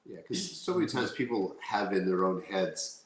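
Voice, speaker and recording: A man's voice: low-pitched, big pitch swings, normal speed, a little hiss or hum. A man speaking as a guest in a casual interview, rambling with restarts. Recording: roomy echo.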